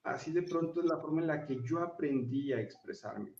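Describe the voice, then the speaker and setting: A man's voice: on the high side, lively intonation, moderate pace, creaky, darkish tone, recorded from a distance. A man speaking as a guest in a casual conversation, explaining his ideas earnestly and checking in with "¿ok?" and "¿vale?". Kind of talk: casual chat. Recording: dull, echoey sound.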